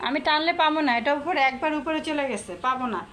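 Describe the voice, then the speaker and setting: A woman's voice: sits high, fast, fairly bright tone, a little hiss or hum. A woman from Bangladesh, hosting a casual live stream, chatty and repetitive as she teases her viewers. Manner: chatty, repeats herself, teasing viewers.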